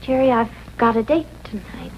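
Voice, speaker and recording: A woman's voice: a little high, animated, moderate pace, gravelly, dull audio. An actress playing an anxious, guarded young wife and mother in a 1950s TV broadcast drama, speaking hesitantly and earnestly. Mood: uneasy. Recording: noisy old 1950s TV soundtrack.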